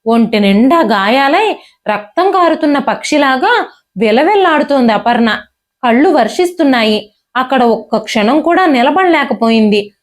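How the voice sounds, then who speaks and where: High pitched lady reading a sad family story, dramatic and emotive. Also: animated, moderate pace. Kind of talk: audiobook narration.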